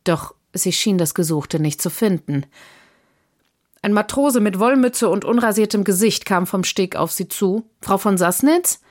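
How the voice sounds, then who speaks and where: A woman narrating a historical novel as an audiobook in a calm, measured way. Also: medium pitch.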